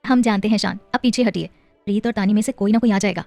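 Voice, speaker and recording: A woman's voice: mid-range voice, quick pace, vocal fry, darkish tone, no echo, soft background music, close to an everyday voice. A woman voicing a firm but loving young wife and mother in an audio story, with a teasing, affectionate scolding manner. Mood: tender.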